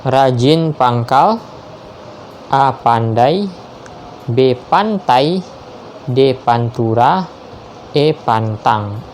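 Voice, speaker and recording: A man slowly reading multiple-choice quiz questions aloud and confirming each answer. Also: medium pitch, expressive, a little hiss or hum. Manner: measured, spells out each option, confirms answers with "ya".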